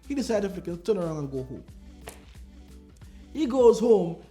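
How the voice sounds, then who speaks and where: Brief: male podcast co-host, lively storyteller with a fairly high voice, faint music behind. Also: moderate pace. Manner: animated, laughing, retells stories with acted voices. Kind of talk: casual podcast chat.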